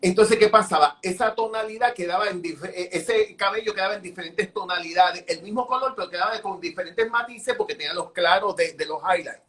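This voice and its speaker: High-voiced animated man telling stories. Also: fairly quick, hardly any pauses. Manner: animated, acts out dialogue, repeats words. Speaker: hairdresser. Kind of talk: storytelling interview chat.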